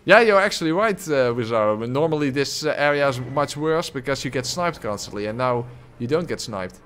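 Speaking a little fast in a mid-range, expressive, slightly bright voice, a man chats with viewers while streaming a game. He's close to a desk mic, reading chat and rambling through casual live commentary with many fillers and chuckles.

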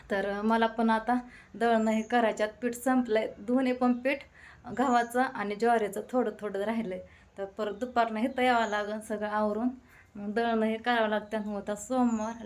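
A woman, chatting casually in a home vlog and recounting her day and phone calls. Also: a little high. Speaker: vlogger.

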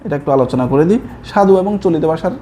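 A man's voice: a little high, lively intonation, quick pace, dark tone, a little hiss or hum. A young man from Chittagong with a Chittagonian Bengali accent, teaching a coaching lesson from slides and repeating key answers to his students. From Chittagong, Bangladesh. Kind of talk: slide-based exam prep lesson.

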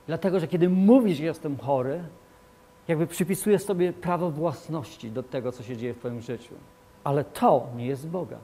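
Guy preaching a sermon, slightly high voice, punchy and repetitive, gets loud then drops quiet. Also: normal speed. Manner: emphatic, repetitive, swings between loud and quiet. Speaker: pastor.

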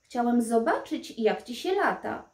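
A woman voicing a mysterious male stranger who mocks the princess in a low, calm voice. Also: unhurried, far from the mic. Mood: teasing. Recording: roomy echo.

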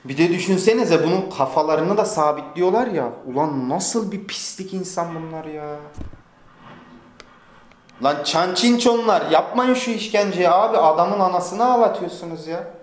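A young man vlogging casually, complaining loudly and swearing in comic exasperation. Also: high-pitched, moderate pace. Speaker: YouTuber. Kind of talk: casual vlog chat. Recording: very echoey room.

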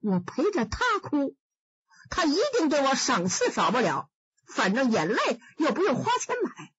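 A woman performing traditional Chinese storytelling, vivid and animated as she acts out the figures. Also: high-pitched, unhurried, no room sound. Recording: dull dry studio recording.

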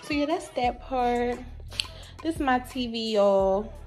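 A woman's voice: fairly high pitch, slow, over music. A young woman, a college freshman, giving a casual tour of her dorm room and listing her things for her viewers. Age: young adult. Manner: chatty, listing items, addresses viewers as y'all. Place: small dorm room indoors.

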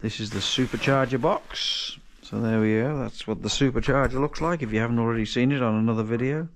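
Recorded on a chest-mounted action camera with a bit of hiss or hum, this home mechanic vlogger speaks in a medium-pitched voice, a little fast. Working on an engine rebuild in a big, cluttered indoor garage, he chats casually and thinks aloud, often restarting and correcting himself.

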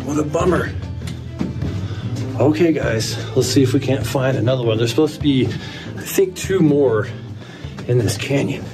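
A man's voice: mid-range voice, lively intonation, unhurried, vocal fry, long pauses, music in the background. Laid-back man vlogging outdoors. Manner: laid-back, chatty, many fillers. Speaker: vlogger exploring mines. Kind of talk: casual vlog narration. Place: outdoors hiking and inside mine tunnels.

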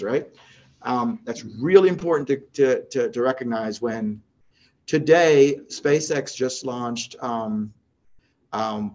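A mid-pitched man gives a conference talk as an agency director, bursting with excitement and tripping over his own restarts as he races from point to point. His voice comes through a slightly dull, lo-fi recording. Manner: animated, rambling with many restarts and fillers. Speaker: NASA associate director giving a talk.

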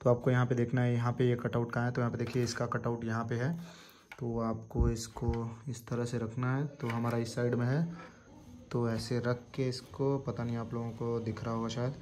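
A man demonstrates hard drive installation on a desktop PC indoors, a casual hands-on tutorial with steady, flat, repetitive instructions and fillers. His voice is medium-pitched at a moderate pace, captured in a noisy home recording.

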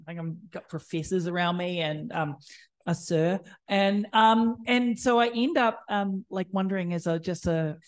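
A woman in her forties with a husky, throaty voice from a chest cold, moderating a panel in a hesitant, self-deprecating way. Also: fairly low pitch, moderate pace. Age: 40s.

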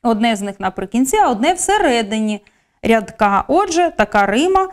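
A woman giving a literature lesson, speaking in a measured way and stressing the example words. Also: fairly high pitch, very animated. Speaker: literature teacher. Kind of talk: educational lecture.

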